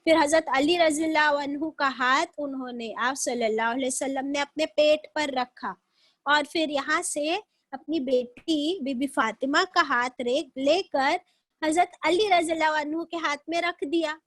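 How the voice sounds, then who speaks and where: Woman, religious teacher, high pitch, gentle storytelling, video call. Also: steady tone, dry recording. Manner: gentle, slow storytelling with pious phrases.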